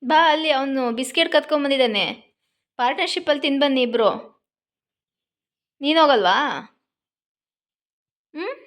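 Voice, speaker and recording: A woman talking to her pet dog in a scolding, coaxing way, then quietly explaining to viewers. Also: high-pitched, normal speed, pauses often. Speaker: pet vlogger.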